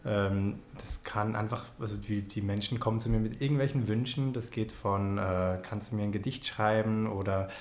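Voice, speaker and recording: Man, Swiss accent, low pitch, relaxed, filler-heavy storytelling, roomy echo. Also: moderate pace, few pauses. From Switzerland. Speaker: podcast guest, performance artist. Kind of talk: casual conversation.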